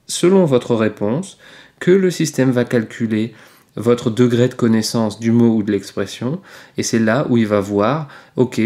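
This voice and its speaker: This French teacher and channel host has a medium-pitched, darkish voice. He gives a casual video lesson, explaining things patiently but hesitating often, and the room lends a noticeable echo.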